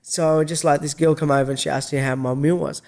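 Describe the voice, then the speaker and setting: A man's voice: a little high, steady tone, fairly quick, creaky, a little mellow. A middle-aged man telling a story in a casual monologue, rambling with restarts and swearing. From Australia. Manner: rambling, frequent restarts and swearing, acts out dialogue. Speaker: vlogger.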